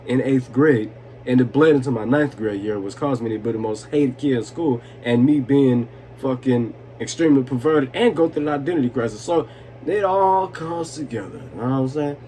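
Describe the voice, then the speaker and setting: In this drunk storytime monologue, a young male vlogger, buzzed on vodka, delivers a fiery, swear-filled tale to the camera. The voice is medium in pitch and dark in tone, moving at normal speed over slight background noise.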